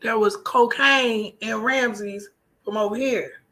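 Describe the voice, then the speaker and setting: Speaking slowly with a steady tone, an American woman vlogs about her personal life in a casual, colloquial and emphatic monologue. Her voice, from the United States, is a little high and sharp.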